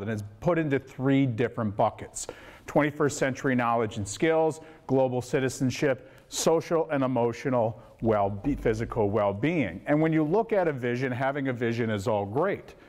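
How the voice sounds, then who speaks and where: A man with a loud, booming teacher voice leads a workshop for a school board. He speaks into a lapel mic and throws questions to the room. His voice grows louder as he gets animated. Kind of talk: interactive presentation to a meeting.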